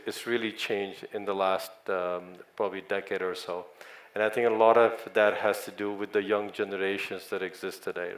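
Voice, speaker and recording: Middle-aged exec guy, lowish voice, confident panel talk, keeps saying right. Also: rough recording. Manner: confident, uses "right?" often. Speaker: company executive on a panel. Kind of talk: panel discussion answer.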